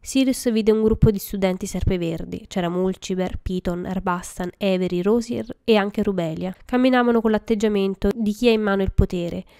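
A woman reading fan fiction aloud in a steady, even narration. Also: mid-range voice, normal speed, vocal fry, hardly any pauses, clean tone, no echo, studio quality. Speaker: reader.

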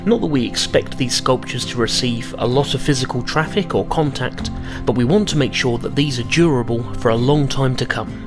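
A man giving a scripted voice-over narration, explaining workshop steps in a measured, matter-of-fact way. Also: mid-range voice, music in the background. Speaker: studio narrator.

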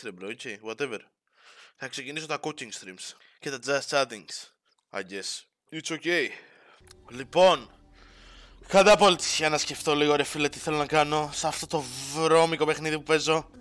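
A man's voice: a little high, a bit bright. A young man streaming live, chatting casually with his viewers, teasing them and dropping English slang. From Greece. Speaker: Twitch streamer. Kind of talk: casual livestream chat to viewers.

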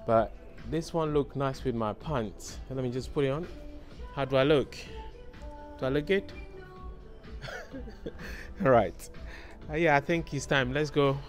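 A man's voice: mid-range voice, slow pace, long pauses, faint music behind. A man in his forties chatting casually to viewers as he films a shopping vlog with a handheld camera. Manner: chatty, fillers, talks to viewers. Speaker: vlogger. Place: clothing store and busy street. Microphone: handheld camera at arm's length.

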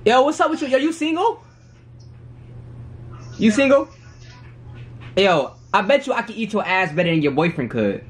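In a small indoor room, a man in his twenties trades brash, teasing, slang-filled banter with strangers on a video chat app. His high voice is sing-song at a normal speed, with frequent pauses.

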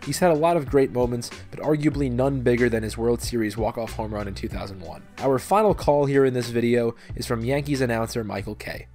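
A man's voice: mid-range voice, fairly quick, few pauses, darkish tone, soft background music. A man hosting and narrating a sports video from a script. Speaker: video host and baseball fan narrator.

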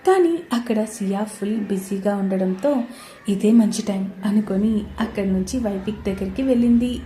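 A woman narrating a romance story in a steady, scripted reading. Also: mid-range voice, moderate pace, a little hiss or hum. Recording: roomy echoey recording.

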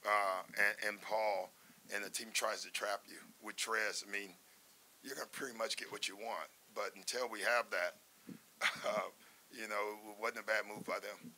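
An older man, a basketball head coach, answering reporters at a postgame press conference from a table microphone, measured and conversational with many fillers and restarts. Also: fairly low pitch, steady tone, pushed and bright, slight background noise. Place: press room in front of a sponsor backdrop. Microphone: table microphone in front of him.

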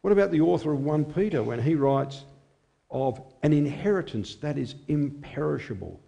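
A man in his sixties preaching a sermon in a small chapel at a lectern microphone, measured and expressive. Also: a little high, creaky, muffled recording. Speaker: chaplain preaching.

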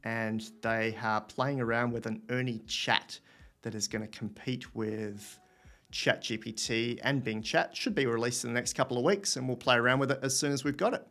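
Speaking at a moderate pace in a mid-range, fairly bright voice, this man in his thirties answers viewer questions on a home livestream. He talks to his webcam in a casual way, reading the questions out and mulling them over aloud.

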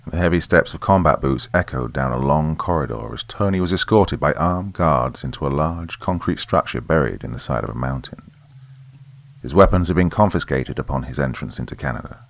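A man narrating a horror story in a steady, measured reading voice. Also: very deep voice, gravelly.

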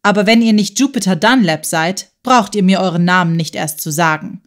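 A woman voicing a clever, eager boy detective in a children's audiobook, talking in a quick, scheming way. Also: fairly low pitch, lightly acted. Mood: confident.

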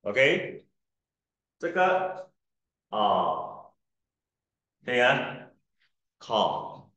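Slow-talking man teaching pronunciation. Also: medium pitch, lively intonation, a bit bright, dull audio. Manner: patient, drawn-out demonstrations of vowel sounds. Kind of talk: tutoring lesson, mixing Mandarin and English. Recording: echoey room.

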